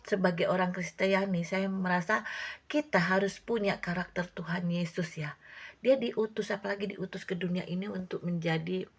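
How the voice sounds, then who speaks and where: A woman with a somewhat low voice tells a devotional story in a relaxed, chatty way. She slips into the characters' voices as she goes, and her tone stays warm and conversational. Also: normal speed, breathy edge. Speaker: online devotional speaker.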